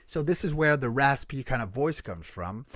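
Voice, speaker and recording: With lively intonation and a moderate pace, the man's mid-range, slightly bright voice comes through at studio quality without echo. A voice coach and creature performer, he answers video-call questions casually yet earnestly, explaining at length and often stopping to restart or correct his sentences.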